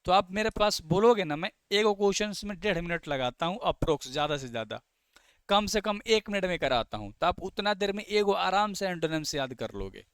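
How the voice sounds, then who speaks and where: A man's voice: high voice, expressive, fairly quick, smooth, no room sound, studio quality. A man teaching exam vocabulary. He keeps asking questions and answers them himself, and he spells words out letter by letter. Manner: plays the student's reply as "sir, ...". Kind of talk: vocabulary lesson for exam students.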